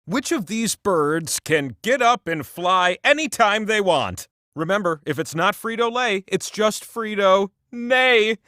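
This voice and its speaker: A man's voice: high voice, expressive, takes it slowly, bright, forceful tone, no echo, studio quality, full character voice. A man voicing a cheeky, vain giant talking wheel that hosts a comedic trivia video game with theatrical, mock-grand sarcasm. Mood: cheeky, showy. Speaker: quiz game host. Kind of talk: comedic game show hosting.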